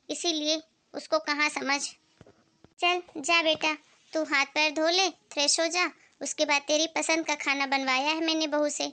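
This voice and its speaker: A woman's voice: high voice, pushed and bright. Woman doing a bossy, doting mother-in-law. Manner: scolding, bossy toward the daughter-in-law. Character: doting, scheming middle-aged mother-in-law. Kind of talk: dramatized moral story.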